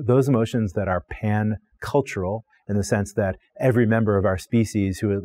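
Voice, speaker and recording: A man's voice: fairly low pitch, mellow, no echo. A middle-aged man explaining ideas in a recorded online course lecture, talking freely with frequent restarts and repeated words, filmed in a studio. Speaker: philosophy lecturer. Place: studio with plain backdrop.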